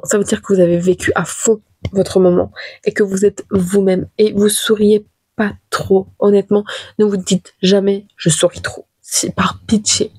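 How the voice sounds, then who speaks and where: A woman's voice: medium pitch, warm tone, husky, no room sound. A young woman hosting a casual confessional podcast from her bedroom, chatty and rambling, with lots of fillers and restarts. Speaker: podcast host.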